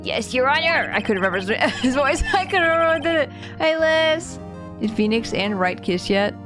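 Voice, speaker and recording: A woman's voice: sits high, animated, normal speed, over music. A bubbly woman streamer chatting casually and self-mockingly through a live game playthrough.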